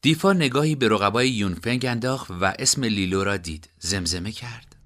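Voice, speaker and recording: A man narrating an audiobook in an expressive storytelling manner. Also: fairly low pitch.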